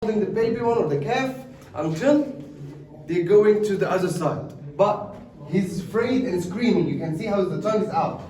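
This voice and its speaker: A man's voice: sits high, normal speed, warm tone. A man, explaining things to tourists as a local guide in plain, slightly broken English. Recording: distant roomy voice with music behind.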